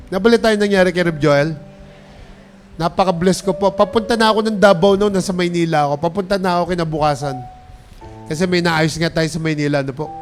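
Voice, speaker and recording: A pastor preaching a sermon, calling out to the congregation and mixing English phrases into his talk. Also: high voice. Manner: preaching with call-and-response, urging applause.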